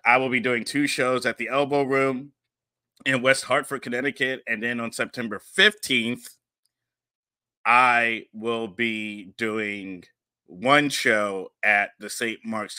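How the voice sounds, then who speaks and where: A middle-aged man from Pennsylvania, hosting a podcast in a relaxed, chatty way with many fillers, on a studio mic. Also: medium pitch, no room sound. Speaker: podcast host and comedian. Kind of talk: casual podcast chat. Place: home studio room with posters. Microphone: studio mic on a boom arm with headphones.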